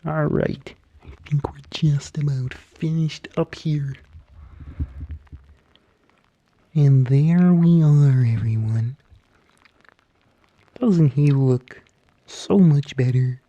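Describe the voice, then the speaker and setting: A performer voicing an excitable, gentle male puppet frog as a hairdresser in a soft, soothing, halting ASMR roleplay. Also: medium pitch, dry recording, muffled recording. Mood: proud, earnest. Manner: soothing, fussy, halting murmur with oohs and hmms.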